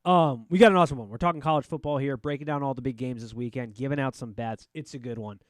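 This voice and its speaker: A man's voice: medium pitch, fast talker. A man hosting a casual sports betting podcast, talking loosely with lots of fillers and restarts. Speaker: podcast host.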